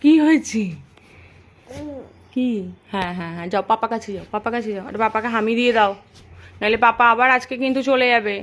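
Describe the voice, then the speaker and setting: Woman, mother at home, coaxing baby talk, higher voice, repetitive. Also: quick pace, a bit bright. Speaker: mother filming her child.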